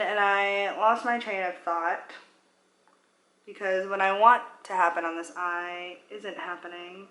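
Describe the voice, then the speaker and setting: Doing her makeup on camera in an echoey living room, a vlogger in her twenties rambles and teases herself while she works. Her voice is mid-range, bright and forceful.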